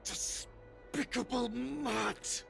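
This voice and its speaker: Super gravelly beast villain for a game, slow hissing contempt, music behind. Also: male voice, very high voice, heavily acted. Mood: seething contempt. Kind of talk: dramatic game voice acting.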